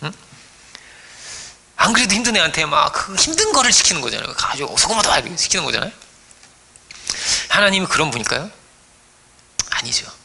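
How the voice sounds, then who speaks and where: A man's voice: sits high, sing-song, fast, creaky, pauses often, pushed and bright, a little hiss or hum. A man preaching a sermon as pastor, telling stories playfully, acting out voices and often checking in with the congregation.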